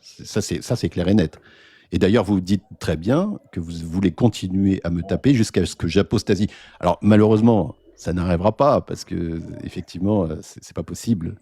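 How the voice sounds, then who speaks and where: A man's voice: low-pitched, a little fast, warm tone, slightly rough. A man debating live, speaking formally with many hesitations and restarts. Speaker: debate guest.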